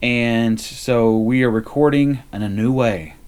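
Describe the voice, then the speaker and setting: A man's voice: mid-range voice, unhurried, clean tone. Man, pastor, casual podcast co-host, easygoing and chuckly, remote audio. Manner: easygoing, relaxed, laughs often. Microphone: remote recording over the internet.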